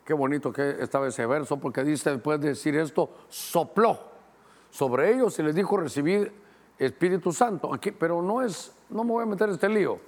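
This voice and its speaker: Middle-aged Guatemalan-born pastor, man, higher-pitched, teaching sermon, measured scripture reading, quick asides to the tech crew. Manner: teaching, directing helpers to show verses on screen; slows down to read scripture, speeds up in asides.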